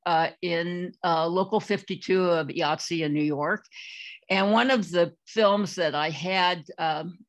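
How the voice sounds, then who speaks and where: A woman's voice: fairly low pitch, fairly bright tone. A woman from California reading her poems over a video call, chatting between poems with many fillers. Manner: unhurried, with filler-laden asides between poems. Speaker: featured poet.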